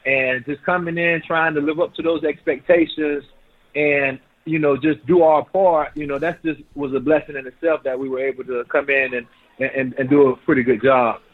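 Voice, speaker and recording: A man's voice: a little high, steady tone, moderate pace, phone-quality sound. A man calling in over the phone to a radio show, chatting in a laid-back way with lots of filler words. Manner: laid-back, frequent "you know" fillers. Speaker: former player calling in. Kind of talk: casual call-in chat. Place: calling from a noisy party.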